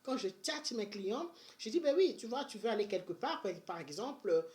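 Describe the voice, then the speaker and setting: Woman vlogger, Benin-born, chatty and energetic, casual advice talk. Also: mid-range voice, moderate pace. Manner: chatty and energetic, with many fillers and restarts. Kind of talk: casual money-saving advice vlog.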